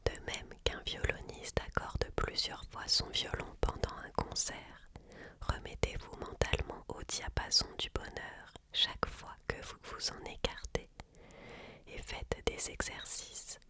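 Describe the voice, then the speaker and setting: A person reading a book aloud as ASMR in a hushed library whisper, slowly and deliberately. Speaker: ASMR reader.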